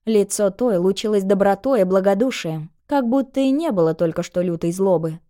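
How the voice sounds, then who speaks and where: Woman reading a story aloud, calm and even, middle pitch. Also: normal speed. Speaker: narrator. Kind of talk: audiobook narration.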